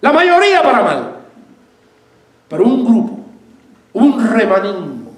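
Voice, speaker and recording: A man preaching a sermon as pastor, asking his congregation questions and answering them himself, with lively bursts and laughs. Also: extremely high pitch, slow pace, reverberant.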